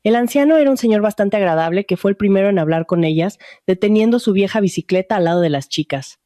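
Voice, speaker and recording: A woman narrating a dramatic story in a measured, even storytelling manner. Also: medium pitch, dry recording, clean studio sound.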